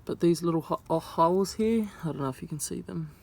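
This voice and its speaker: A woman's voice: lowish voice, fairly quick, vocal fry, a little mellow. Young New woman. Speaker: vlogger. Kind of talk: casual vlog talk to camera. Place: indoors, speaking to camera.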